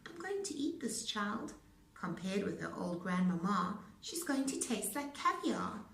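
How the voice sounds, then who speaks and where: A woman's voice: medium pitch, sing-song, a little slow, gravelly, a bit bright, heavily acted. A woman voicing a sly, greedy, boastful male wolf, gloating and menacing as in a storybook read-aloud. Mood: sly, hungry. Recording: roomy echo, distant mic.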